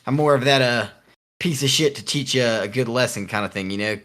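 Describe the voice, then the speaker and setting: A man's voice: mid-range voice, fairly quick, fairly bright tone. A man co-hosting a casual podcast, rambling and joking with a cocky edge. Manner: cocky, rambling, laughs often. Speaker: podcast co-host.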